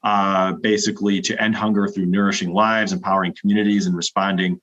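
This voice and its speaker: A man hosts a virtual club meeting over a video call, sounding upbeat and welcoming and using many fillers. His voice is low-pitched with a fairly bright tone, delivered flatly and fairly quickly, and the audio is dull and lo-fi.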